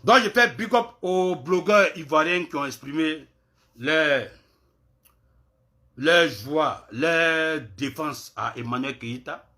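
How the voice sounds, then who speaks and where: Man, heated online ranter, bright ringing voice, raised pitch, repeats himself, bursts loud then drops to mutters. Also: expressive, takes it slowly. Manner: heated, repetitive, swings from loud outbursts to low mutters. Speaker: online commentator. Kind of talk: ranting commentary video.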